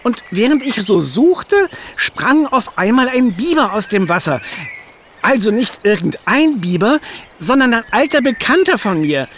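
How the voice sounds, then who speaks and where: An actor playing Hugo, an excitable, fretful animal in a children's audio drama, talking in a rush of worry. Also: male voice, high voice, unhurried, heavily acted. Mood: storytelling. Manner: anxious, excitable, eager. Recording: audible background noise.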